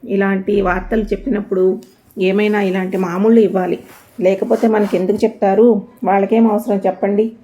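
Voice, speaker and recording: A woman's voice: medium pitch, flat delivery, a little fast, mellow, natural voice. A woman voicing a chatty, gossip-loving housewife who relishes secrets in a comic storybook tale. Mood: gossipy. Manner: chatty, confiding.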